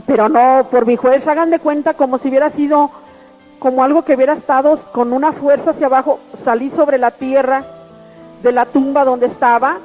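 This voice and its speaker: A woman's voice: high voice, fairly even intonation, brisk, a little mellow. A woman telling her personal religious testimony in an earnest, repetitive way. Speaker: testimony giver. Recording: lo-fi radio broadcast with faint music.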